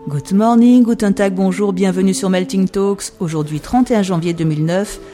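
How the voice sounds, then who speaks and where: An interviewer hosting a talk show, reading an intro and asking steady, plain questions. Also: medium pitch, normal speed, soft background music.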